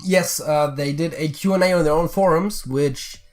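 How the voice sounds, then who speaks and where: A male co-host of a casual gaming talk show, with a voice a bit higher than most men. He reads out answers plainly, then slips in dry, mocking asides. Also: normal speed. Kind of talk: casual podcast chat.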